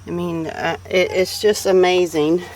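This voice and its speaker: A woman's voice: fairly low pitch, fairly even intonation, measured pace, darkish tone. A woman with a Southern US accent gives a casual, folksy, unscripted garden tour in a rambling, appreciative way. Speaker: homestead vlogger giving a garden tour. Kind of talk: casual unscripted walk-through narration. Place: outdoors in a homestead garden. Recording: noisy outdoor recording with animal sounds. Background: birds, roosters and farm animals.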